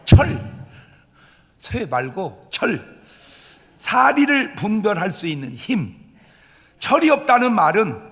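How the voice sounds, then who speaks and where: A man delivering a Sunday sermon in a church sanctuary, with a high-pitched voice that swings widely. He preaches in an animated way and acts out crying children along the way. The hall adds a long echo behind him. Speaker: pastor.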